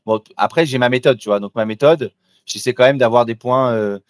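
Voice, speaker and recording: A man with a mid-range voice speaks fairly quickly as he runs a live trading demo, chatting directly and casually to the listener and often restarting. The studio sound is clean, with no room ambience.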